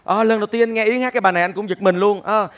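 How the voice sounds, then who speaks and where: A man giving relaxed, chatty feedback as a guest judge on a TV show. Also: high-pitched, very fast, muffled recording. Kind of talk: casual spoken commentary. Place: TV studio.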